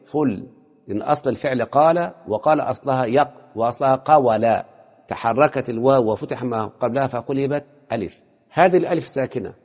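A man with an Egyptian Arabic accent teaching Arabic morphology, breaking up his classroom lecture with quick questions to his students. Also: medium pitch, slightly rough. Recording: lo-fi with long hall reverb.

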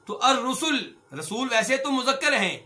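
A middle-aged male scholar gives a religious lesson, reading Arabic phrases slowly and then explaining them. He asks his listeners questions, answers them himself, and addresses them as brothers. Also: extremely high pitch, lively intonation, sharp tone. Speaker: Islamic scholar and hadith teacher.

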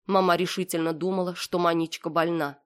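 A woman reading a story aloud as narrator in a steady, measured way. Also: fairly low pitch. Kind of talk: audiobook narration.

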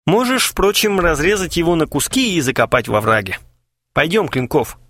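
A man's voice: a little high, lively intonation, moderate pace, a bit bright, dry recording, voice pushed up. A man voicing a cool, mocking young prankster who talks in a dry, matter-of-fact way.

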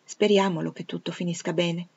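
A woman reading a cautious, worried elderly widow housekeeper, who gives earnest, measured warnings. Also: lowish voice, fairly even intonation, gravelly, a little mellow, breathy edge, dull audio.

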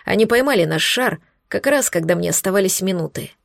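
A woman voicing a weak, hoarse wounded young man who speaks slowly and with strain. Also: medium pitch, expressive, no echo, clean studio sound. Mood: weary.

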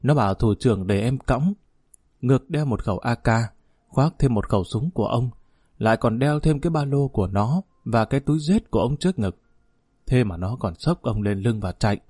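A man voicing a dying old former police chief, warm, reminiscing and fatherly. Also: medium pitch, animated, moderate pace, breathy edge, no room sound, clean studio sound. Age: older.

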